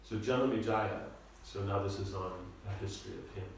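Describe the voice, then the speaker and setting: A man teaching a seminar on scripture, talking in a halting, informal way and often repeating his words. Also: low voice, vocal fry, a little hiss or hum. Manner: halting, repeats words, asks the audience to follow. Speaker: spiritual teacher giving a seminar lecture. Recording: echoey room, recorded from a distance.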